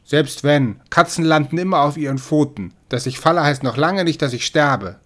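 A man's voice: a little high, normal speed, a bit bright, voice pushed up, close to an everyday voice. A man voicing a stubborn, cheeky young male tomcat who answers with casual bravado, in a storybook reading. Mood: defiant.

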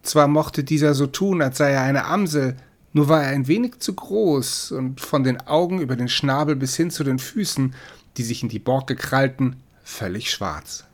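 A man narrating a storybook with an expressive, measured delivery. His voice sits at an ordinary middle pitch, steady and clear for storytelling.

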